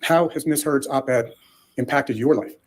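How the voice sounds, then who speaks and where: A man's voice: mid-range voice, unhurried. A man speaking as a lawyer, putting formal questions to a witness in court.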